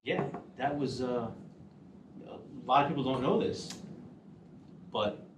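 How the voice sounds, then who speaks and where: A man's voice: medium pitch, slow pace. A man hosting a casual round-table podcast, rambling and restarting as he talks. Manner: rambling, lots of restarts and fillers. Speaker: podcast host. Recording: echoey room, distant mic, noise.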